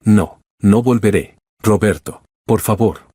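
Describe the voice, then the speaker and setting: A man voicing a tearful older woman pleading with her former lover, broken and begging, in a storybook reading with a husky voice. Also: lowish voice, takes it slowly, mellow, no echo, studio quality. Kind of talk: storybook narration.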